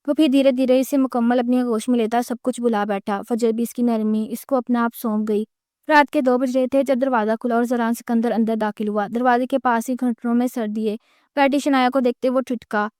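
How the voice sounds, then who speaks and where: A woman narrating a romance novel aloud in a steady, even storytelling manner, close to the mic. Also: fairly high pitch, clean tone, dry recording. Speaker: audiobook narrator.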